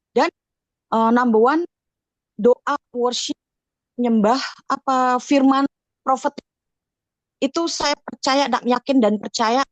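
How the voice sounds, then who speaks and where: A woman's voice: on the high side, no room sound, low-quality recording. A middle-aged woman giving a casual spoken testimony at a prayer meeting, chatty, with many fillers and restarts. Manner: chatty, frequent fillers and self-corrections. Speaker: church member giving a testimony.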